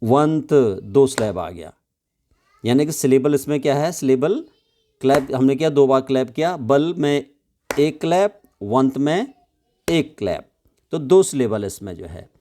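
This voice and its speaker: A man's voice: mid-range voice, lively intonation, a little slow, dark tone, a little hiss or hum. A man teaching children English in Hindi, spelling out words letter by letter and explaining each one patiently with frequent check questions.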